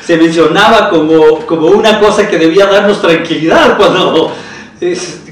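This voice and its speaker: A man with a Mexican accent speaking in a measured, formal way in a panel discussion. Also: sits high, a little hiss or hum. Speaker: citizen council member. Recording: echoey room from far off.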